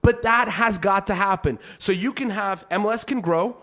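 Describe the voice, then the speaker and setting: A man's voice: sits high, normal speed. A man who grew up in Portugal, talking emphatically as a panelist in a casual soccer discussion. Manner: emphatic, animated storytelling.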